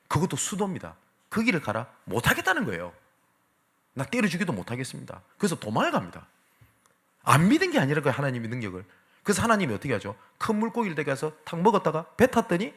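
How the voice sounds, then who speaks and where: Lively Korean male pastor preaching. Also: a little high. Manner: lively preaching, asking the congregation questions. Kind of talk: sermon. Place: church sanctuary.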